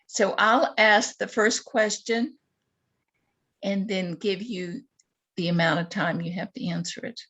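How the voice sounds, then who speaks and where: A woman's voice: medium pitch, steady tone, measured pace, a bit bright, breathy edge. A woman interviewing a candidate at a virtual forum, politely reading out questions with a few hesitant asides. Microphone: video call.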